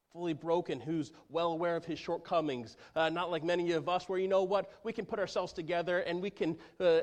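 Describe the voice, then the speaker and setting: A male pastor preaching a sermon in a slightly high voice. He speaks earnestly and often falls to a near hush to stress a point. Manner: earnest, drops to a hush for emphasis.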